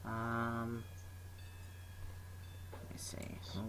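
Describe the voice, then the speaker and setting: A man's voice: mid-range voice, monotone, extremely slow, a bit bright. Hesitant man running a tabletop game. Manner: hesitant, fumbling with rules and numbers. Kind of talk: casual tabletop game chat.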